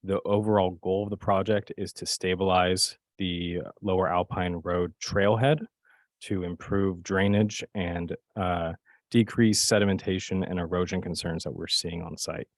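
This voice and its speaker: A man presenting as a project manager to a public board, hoarse and raspy from a cold, speaking in a steady, measured way. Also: sits low, no room sound. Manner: steady, measured delivery with occasional fillers. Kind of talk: formal staff presentation.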